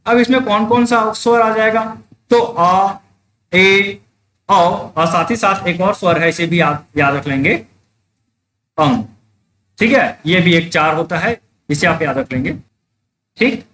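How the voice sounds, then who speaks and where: A man with a fairly high voice teaches a live online exam-prep class. He explains each point step by step, repeats it, and checks that his students are following. A faint background hiss runs under his voice. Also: takes it slowly, long pauses, bright, forceful tone.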